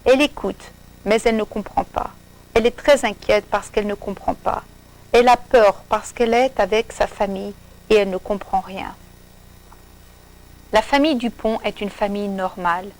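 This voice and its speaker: A woman reads a simple storybook aloud for learners, slow and clear. Her sentences are short and evenly paced, in a mid-pitched voice. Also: fairly even intonation, low-quality recording. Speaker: narrator.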